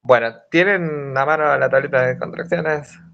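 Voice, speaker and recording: A man's voice: medium pitch, moderate pace, creaky. Hesitant young Rioplatense man tutoring. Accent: Rioplatense Spanish. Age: young adult. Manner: hesitant, many fillers, explains step by step. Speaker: student tutor. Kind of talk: informal study-group lesson. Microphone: video call. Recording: dull lo-fi online call audio.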